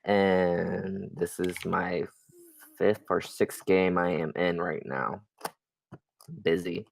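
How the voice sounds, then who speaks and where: A man from Ohio, a player, talking in a slow, dry, offhand way. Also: sits low, fairly even intonation, creaky, dry recording. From Ohio, United States.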